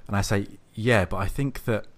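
A man hosting an interview, asking questions and sharing views in an unhurried, casual way. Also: lowish voice. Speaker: host.

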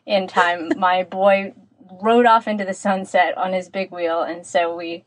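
Woman podcast host, chatty, a bit winded, tinny metallic mic sound, lowish voice. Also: steady tone, a little slow, no room sound. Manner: chatty, laughs easily. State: slightly out of breath. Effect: metallic tin-can sound from a faulty mic. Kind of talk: casual interview chat. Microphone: faulty microphone.

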